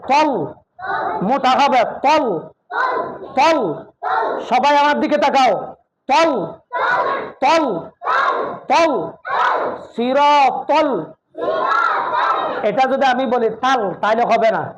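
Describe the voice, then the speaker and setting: A male madrasa teacher drilling children in Quran recitation, sounding out syllables slowly and having the class repeat them aloud, sternly raising his voice on key sounds. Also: extremely high pitch, some chatter behind. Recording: dull recording, noisy chattering class.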